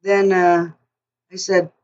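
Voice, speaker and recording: A woman's voice: lowish voice, flat delivery, slow pace. An older woman casually telling a personal story, often repeating words and restarting her sentences. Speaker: speaker sharing a personal story. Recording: distant mic, dull lo-fi sound.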